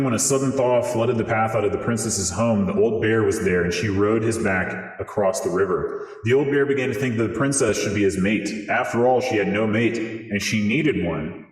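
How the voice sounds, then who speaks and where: Man, voice changer morphing his voice, low pitch, steady fairy-tale reading, roomy echo with long reverb. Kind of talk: reading a storybook aloud.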